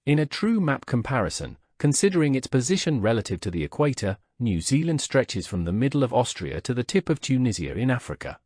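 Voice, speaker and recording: A man from Slovakia delivering a prepared conference lecture. His mid-pitched voice moves through a lively, animated melody, measured and deliberate, with rhetorical questions. The sound is close and dry, with almost no room around it. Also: no echo. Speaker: lecturer, vice president of a research institute.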